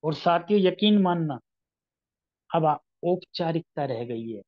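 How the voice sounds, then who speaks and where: A man's voice: fairly high pitch, lively intonation, measured pace, no echo, dull audio. A man leading a motivational sales training session, addressing listeners as friends and acting out sales conversations. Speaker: network marketing trainer.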